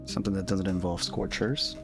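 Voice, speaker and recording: A man's voice: deep voice, steady tone, brisk, gravelly. A man playing a tabletop game in character, defiant and sarcastic, often laughing. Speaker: player. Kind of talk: in-character tabletop role-play. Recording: music playing behind.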